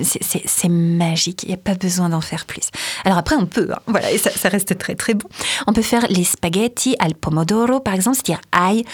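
A woman's voice: fairly low pitch, husky. A woman chatting on a podcast as food columnist, enthusiastic and hesitant, with lots of fillers. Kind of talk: casual podcast chat.

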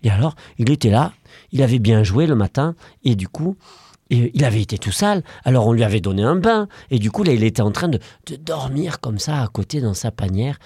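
A man improvising a bedtime story for a child at home, playful and animated with small hesitations. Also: medium pitch, fairly quick, husky, dry recording, studio quality. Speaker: parent telling a bedtime story.

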